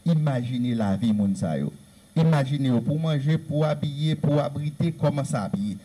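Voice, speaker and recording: A man's voice: mid-range voice, lively intonation, moderate pace, mellow, poor audio. A man with a Haitian Creole accent giving an earnest lecture-style talk, stressing his points through repeated lists. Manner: earnest, repetitive, emphatic listing. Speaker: speaker on Haitian history.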